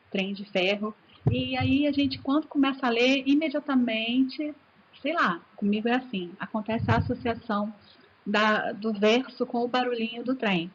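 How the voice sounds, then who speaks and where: Chatty Brazilian woman teacher, fairly high. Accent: Brazilian Portuguese. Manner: chatty and enthusiastic, addresses students as "gente". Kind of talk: recorded video lesson. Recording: dull sound with faint hiss.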